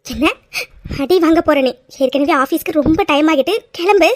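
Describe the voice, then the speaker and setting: A woman's voice: high voice, normal speed, no echo, studio quality, close to an everyday voice. A woman voicing Mithra, a playful, sulky young wife. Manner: playful, whiny. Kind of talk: cartoon voice acting.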